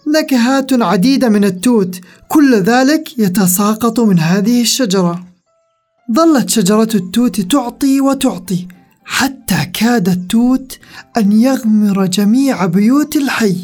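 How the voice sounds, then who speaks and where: A woman narrating a children's story in an expressive, animated reading. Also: on the high side, normal speed, faint music behind.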